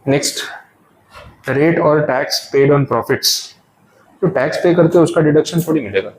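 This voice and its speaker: A man's voice: fairly high pitch, unhurried, poor audio. Man explaining step by step in class. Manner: explains step by step in mixed Hindi and English. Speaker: tax lecturer. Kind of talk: classroom lecture.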